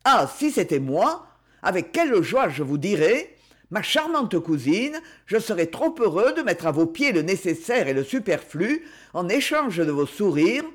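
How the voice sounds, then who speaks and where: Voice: medium pitch, very animated, unhurried. An audiobook reader voicing an impetuous, gallant young man in a declamatory way, close to the narrating voice. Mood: indignant.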